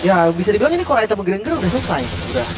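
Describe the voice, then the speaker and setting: Very high-pitched Indonesian male esports caster. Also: very animated, rapid-fire. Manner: casual slangy talk mixed with English gaming terms. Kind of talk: live mobile esports match commentary. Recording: loud music behind voice.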